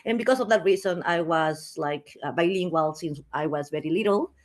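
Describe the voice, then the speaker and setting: A woman's voice: deep voice, normal speed. Chatty Peruvian woman in her thirties. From Peru. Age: 30s. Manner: chatty with frequent fillers and restarts. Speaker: guest speaker. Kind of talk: conversational interview.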